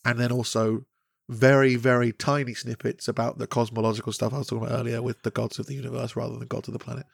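A man with a medium-pitched, husky voice and some vocal fry talks fast in a level tone, recorded dry with studio quality. Co-hosting a podcast as the game master, he casually describes the world where he runs his tabletop game, rambling and joking with plenty of fillers.

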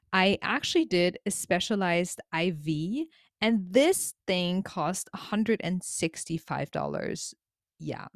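A woman's voice: mid-range voice, dry recording, clean studio sound. A woman vlogger talking casually in an informal, emphatic way with slangy exaggeration. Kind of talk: casual chatty vlog monologue.

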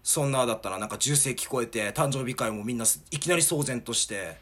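A man telling a rambling, animated story in casual chat, full of fillers. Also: mid-range voice, fast.

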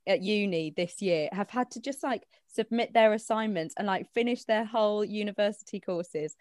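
A woman's voice: medium pitch, normal speed, a little mellow, no room sound, studio quality. A nineteen-year-old woman chatting casually, laughing often and filling her talk with "like". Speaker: co-host. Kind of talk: casual chat.

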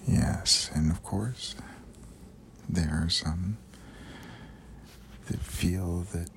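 A man delivers an intimate ASMR monologue right in your ear, very slowly and half-whispered. His low voice has a gravelly creak, and he spaces out his soothing, affirming phrases with deliberate pauses. A light layer of noise sits behind him. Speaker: host.

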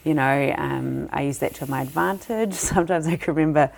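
A woman in her thirties co-hosting a podcast, telling relaxed stories in casual conversation. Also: low-pitched, fairly quick, gravelly. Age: 30s. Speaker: podcast co-host.

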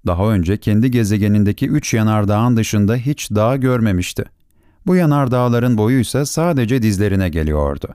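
A man reading a children's story aloud as audiobook narrator, gentle and measured. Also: lowish voice, clean tone, dry recording, clean studio sound.

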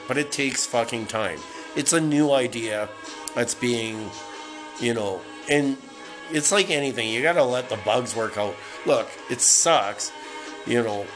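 Over background music from a record player, a man from Canada delivers a profane solo podcast rant, cursing constantly as he rambles heatedly. His pitch is medium and the audio is poor.

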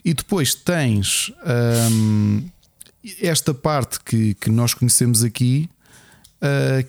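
A man's voice: mid-range voice, gravelly, a little mellow. A man with a European Portuguese accent chatting casually as a podcast co-host. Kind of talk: casual chat.

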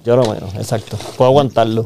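A man in his forties co-hosting a podcast, speaking candidly and swearing casually in relaxed chat. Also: mid-range voice, quick pace, slight background noise. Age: 40s. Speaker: podcast co-host.

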